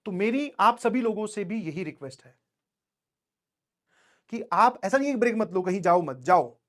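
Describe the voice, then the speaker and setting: A man's voice: high voice, animated, normal speed, a bit bright. A male teacher giving students a conversational motivational talk, telling stories from his own student days and often checking that they follow. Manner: conversational, keeps checking in with listeners; tells personal anecdotes.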